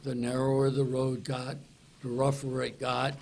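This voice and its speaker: A man in his eighties telling a rambling, folksy grandpa story in plain words, with a creaky, husky elderly voice. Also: mid-range voice, monotone, measured pace, darkish tone. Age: 80s. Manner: plain-spoken, folksy, meandering step-by-step telling. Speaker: survivor telling his story at a news conference.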